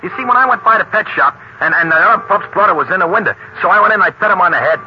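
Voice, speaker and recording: An actor playing a bumbling, talkative cab driver sidekick who rambles and repeats himself, in old-time radio acting. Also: male voice, high-pitched, animated, rapid-fire, highs cut off. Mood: eager. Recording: scratchy old radio recording.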